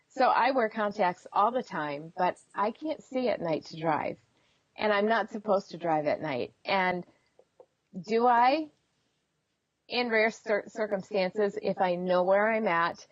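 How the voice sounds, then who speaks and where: Expressive woman telling candid stories, slightly muffled. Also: mid-range voice, no room sound. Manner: expressive, acts out reported dialogue. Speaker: interview guest. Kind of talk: candid personal storytelling.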